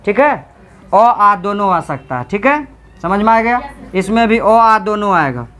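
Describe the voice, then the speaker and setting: A man teaching a class, quizzing students with repeated questions and drawing out sounds slowly to demonstrate them. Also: high voice, animated, fairly bright tone. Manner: slow, drawn-out sound demonstrations. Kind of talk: classroom grammar lecture.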